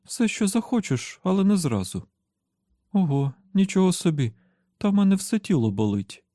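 A man voicing a lively, teasing young woman in an audiobook, with a playful, chatty manner. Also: high-pitched, moderate pace, dry recording, studio quality, pitched above the performer's own voice. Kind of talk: audiobook character voice.

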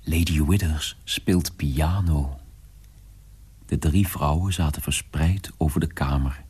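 A man's voice: very deep voice, slow pace, warm tone, slightly rough, exaggerated voice. An actor playing a young son in a radio drama, confiding in his mother in a wondering, often whispered way. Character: young man telling his mother of a strange household.

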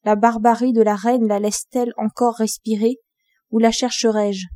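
Woman reading a stubborn young king, defiant, highish mellow voice. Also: flat delivery, moderate pace, no room sound, natural voice. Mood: mournful. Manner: indignant and defiant.

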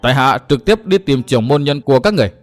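A man's voice: medium pitch, lively intonation, quick pace, soft background music, natural voice. A proud young swordsman in a martial-arts audio story, voiced by a male narrator close to his own voice. His words come out cold, terse and formal.

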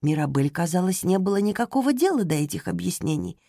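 Calm woman narrating a storybook. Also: lowish voice, fast talker, no room sound, clean studio sound. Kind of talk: audiobook narration.

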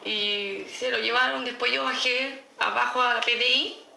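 A woman's voice: a little high, steady tone, moderate pace, creaky, bright, forceful tone, reverberant. A middle-aged woman with a Chilean accent gives an earnest, emphatic personal testimony in an interview, repeating herself as she recounts events. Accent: Chilean Spanish. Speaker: interviewee, mother of an accused teen.

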